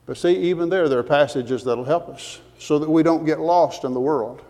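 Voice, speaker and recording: Male preacher, earnest and emphatic sermon delivery, voice a bit high, long hall reverb. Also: normal speed, mellow. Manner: earnest, emphatic, quotes scripture with references.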